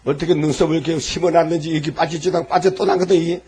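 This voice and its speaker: A man's voice: fairly high pitch, steady tone, very fast, mellow. A man preaching a sermon in a colloquial style, asking the listeners rhetorical questions and acting out the voices in the scripture. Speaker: pastor.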